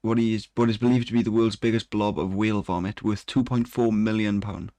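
A man's voice: on the low side, flat delivery, a little fast, warm tone, no echo. A man co-hosting a casual podcast, reading odd news stories aloud with dry asides and frequent laughter. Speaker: podcast co-host.

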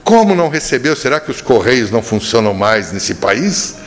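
A man's voice: mid-range voice, very animated, moderate pace, soft background music, lightly acted. A man voicing Death as a cranky woman who scolds people in a story, in a hall with a long echo. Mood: irritated. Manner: indignant, scolding. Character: irritable female Death personified. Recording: echoey hall reverb.

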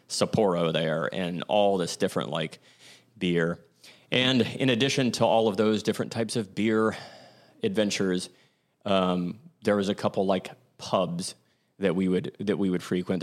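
A young man from Ohio, USA, with a low voice tells stories as a podcast host in a casual monologue. His delivery rambles and corrects itself, full of "like" and "um."

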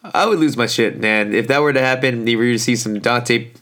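A man hosting a casual sports podcast in slangy, informal talk, his voice hoarse and worn out as if from yelling. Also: mid-range voice, fairly quick. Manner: informal, slangy, mildly profane. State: hoarse, voice shot from overuse. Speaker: podcast host.

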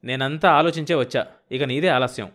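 A man's voice: mid-range voice, brisk, a bit bright, natural voice. A man voicing a shrewd, stubborn middle-aged village farmer who talks bluntly and pushes hard. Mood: insistent. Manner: blunt, pushy and insistent.

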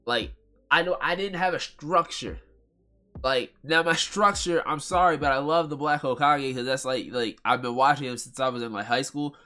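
A man with a bright, forceful voice and a congested, nasal whine hosts a podcast on his own. He rambles casually in slang, circling back and repeating phrases for emphasis. Faint music sits behind his voice. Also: mid-range voice, moderate pace. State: congested from allergies. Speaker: podcast host. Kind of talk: casual solo podcast chat.

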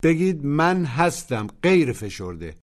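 A man narrating a taped language lesson in a didactic, coaching way. His voice sits somewhat high for a man. He prompts listeners to repeat phrases aloud. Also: sing-song. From Iran. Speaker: language teacher.

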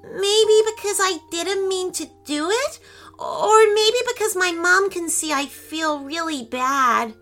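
A woman voicing a small, upset girl who sniffles and talks in a high, wavering voice in a children's story. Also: wildly swooping pitch, extremely slow, hardly any pauses, pushed and bright, soft background music, heavily acted. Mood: tearful. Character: upset, tearful little girl.

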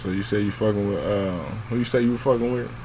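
Male host, lower register, slangy casual delivery, clear background noise. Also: fairly even intonation, fast. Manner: slangy, repeats himself. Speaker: interview host. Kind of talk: casual chat.

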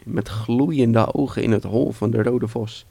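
A man's voice: mid-range voice, fairly even intonation, measured pace, vocal fry, mellow, dry recording. A man reading the lines of a frightened bear from a fairy tale in a plain storytelling voice. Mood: alarmed. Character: alarmed bear.

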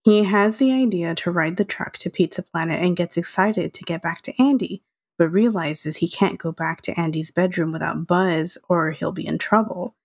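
A woman's voice: fairly low pitch, normal speed, slightly rough. A woman in her thirties, co-hosting a casual chat, laughing often and talking with many fillers. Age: 30s. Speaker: podcast co-host.

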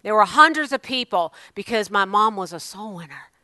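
A woman preacher delivering a sermon in an emphatic, exhorting way, slowing on key phrases and putting pointed questions to her listeners. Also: medium pitch, animated, bright, forceful tone, dry recording. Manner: asks pointed rhetorical questions. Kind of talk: sermon to a congregation.

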